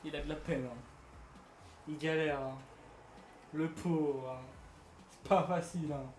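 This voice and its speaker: A man's voice: on the high side, fairly even intonation, echoey room, slight background noise. A young man cooking as a guest on a livestream, joking crudely and bantering with the host. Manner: fast, crude joking, playful threats. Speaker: guest cook.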